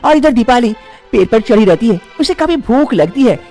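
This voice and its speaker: A storyteller giving expressive, sing-song narration of a children's moral story. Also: mid-range voice, moderate pace, soft background music.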